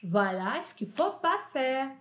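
A woman teaching French in an enthusiastic, chatty online lesson, repeating phrases slowly for learners to copy. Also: high-pitched, very animated, fairly bright tone, echoey room.

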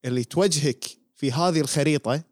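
A man's voice: a little high, fast talker, no room sound, studio quality. A man with a Kuwaiti Arabic accent, co-hosting a casual podcast and explaining ideas step by step while checking that his partner follows. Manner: explains patiently, checks that he is understood. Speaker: podcast co-host. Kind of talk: casual chat.

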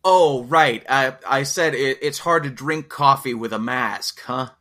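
An awkward, friendly man who stammers and laughs nervously as he chats, played by a man in his own voice. The tone is bright and forceful. It is a comic play read aloud. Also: medium pitch, measured pace. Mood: sheepish.

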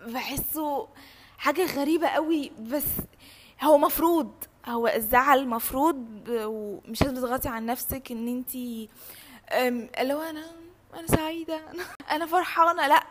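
A woman's voice: sits high, normal speed, a little hiss or hum. A young woman with an Egyptian Arabic accent, talking informally in a group chat. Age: young adult. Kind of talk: casual animated group chat.

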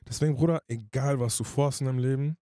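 A man telling his story as a podcast guest in casual, slangy speech, rushed and emotional. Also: medium pitch, fairly even intonation, warm tone, dry recording, clean studio sound. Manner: slangy, rushed and emotional, addresses the listener as "Bruder".

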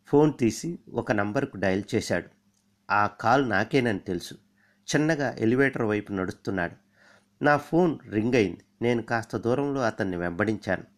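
A middle-aged man reading a first-person story aloud, with a measured and steady delivery. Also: mid-range voice.

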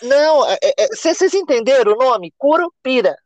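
A woman's voice: high-pitched, big pitch swings, normal speed, dry recording. A woman co-hosting a casual chat, reacting playfully with exclamations. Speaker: podcast co-host.

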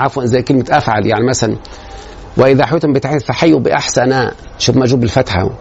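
Fast, gravelly Egyptian man lecturing. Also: mid-range voice, darkish tone, dull audio, a little hiss or hum. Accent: Egyptian Arabic. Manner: explains step by step, often checks that students follow. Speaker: grammar lecturer. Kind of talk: classroom grammar lecture.

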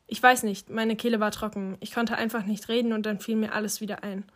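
A woman reading a first-person novel aloud in a quiet, subdued way. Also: medium pitch, level tone, fairly quick. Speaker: audiobook reader.

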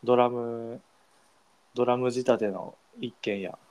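A man's voice: a little slow, smooth, poor audio. A man with a Kansai accent co-hosting a casual podcast, playing an improvised word game and laughing often. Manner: playful, laughs often, animated pitch. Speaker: podcast co-host.

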